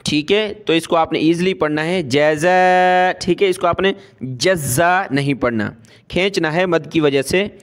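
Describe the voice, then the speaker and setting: A man teaching Quran recitation with a Pakistani Urdu accent. He spells out letters and vowel marks, then chants each word slowly and draws it out, with quick explanatory asides in between. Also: on the high side. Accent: Urdu-speaking, Pakistani. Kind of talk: step-by-step recitation lesson.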